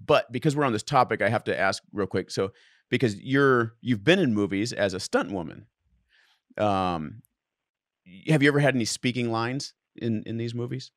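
A man's voice: mid-range voice, moderate pace, no echo, clean studio sound. A man with a Texan accent hosting a podcast, chatty and laughing along as he asks rambling questions. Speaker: podcast host. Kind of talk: casual chat.

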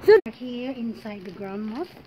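A middle-aged woman vlogging casually on a phone inside a large marble hall, excited and giggly as she points things out to the camera. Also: on the high side, normal speed, crowd noise. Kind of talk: casual travel vlog. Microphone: phone camera held at arm's length. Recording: loud background noise.

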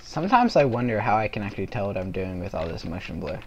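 A young man hosting a casual game recording, excitable and quick to react. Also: on the low side, dull audio, a little hiss or hum. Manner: excitable, easily startled. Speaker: gaming channel host.

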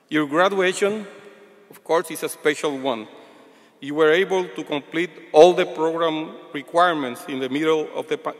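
A man's voice: a little high, fairly bright tone. An older man giving a formal commencement address as board chair, reading from notes at a podium. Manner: measured, reads from notes at podium. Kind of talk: formal prepared speech. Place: large auditorium stage. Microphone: podium microphone. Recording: long hall reverb.

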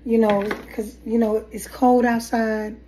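A middle-aged hair vlogger with a head cold coughs as she rambles through a casual hair tutorial at her kitchen table, restarting as she goes. Her voice is on the high side, mellow, flat and unhurried. The phone camera on the table gives low-quality audio with a little hiss or hum.

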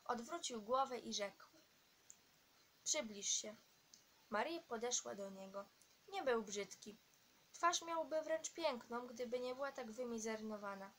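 A woman narrating an audiobook at a steady reading pace, now and then stumbling and restarting a word. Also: fairly high pitch, moderate pace, a little hiss or hum. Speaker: audiobook reader.

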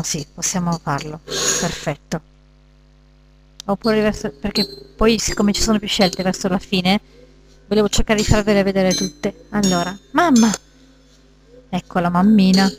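A woman's voice: medium pitch, a little slow, long pauses, a little hiss or hum. A young woman hosting a let's play, chatting casually between reading the game's lines. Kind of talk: casual game commentary and reading.

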